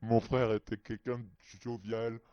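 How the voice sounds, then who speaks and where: A man's voice: medium pitch, flat delivery, a little slow, warm tone, smooth, no echo. A man whose voice is disguised with a voice changer, telling a personal story in a hesitant, childlike way. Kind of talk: halting first-person storytelling. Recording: dry, muffled lo-fi sound.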